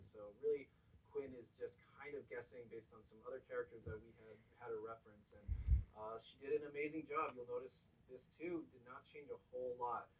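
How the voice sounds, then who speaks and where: A man giving casual commentary as he introduces a pitch, relaxed and a little hesitant. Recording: distant mic, faint background noise.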